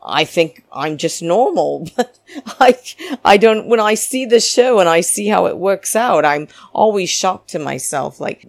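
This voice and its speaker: Gravelly and lowish, this female podcast host dishes on reality TV by herself with campy, diva-style theatrics, gossiping and giving strong opinions, with no echo on the audio.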